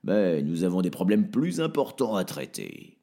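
A man reading the part of an old, wise wizard who speaks in solemn, measured counsel. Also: deep voice, wildly swooping pitch, mellow, heavily acted. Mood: grave. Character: old wise male wizard, calm and grave. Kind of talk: audiobook character reading.

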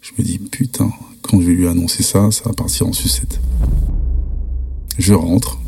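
A man's voice: sits low, moderate pace, vocal fry, slightly rough, no room sound. Slangy young man telling a spooky story. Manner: slangy, lively retelling. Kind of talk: casual spooky anecdote.

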